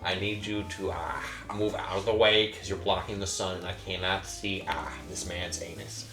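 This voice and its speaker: A man's voice: deep voice, flat delivery, moderate pace, pushed and bright. A man voicing an eager, clumsy doctor who talks fussily with hesitant ah's. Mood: fussy. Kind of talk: improv comedy. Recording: echoey room, faint music.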